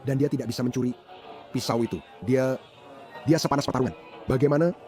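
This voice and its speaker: A man dubbing a bystander who excitedly recounts a fight to police in casual slang. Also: medium pitch, fast, soft background music, close to an everyday voice. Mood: agitated. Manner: agitated, animated retelling with slang. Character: agitated man recounting a brawl. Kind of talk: dubbed bodycam account.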